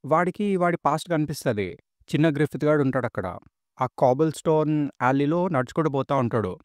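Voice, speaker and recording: A man's voice: a little high, brisk, no room sound, studio quality. A man retelling a manga story in a colloquial, casual storytelling way.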